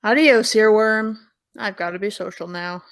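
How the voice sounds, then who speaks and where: A woman lightly acts the part of Eve, a sardonic young American woman, speaking mid-range at normal speed. In this audio drama dialogue she sounds cutting and sarcastic, dry and deadpan with a teasing streak.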